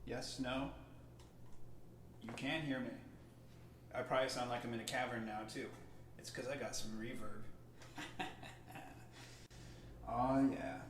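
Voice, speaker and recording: A man talks with a heavy cave-like reverb on his voice, as if standing inside a cavern. He sits some distance from the mic, with a faint hiss underneath. He rambles in a relaxed, easygoing way, full of fillers, while hosting a casual stream. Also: medium pitch, unhurried, pauses often. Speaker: host and musician. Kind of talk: casual livestream chat.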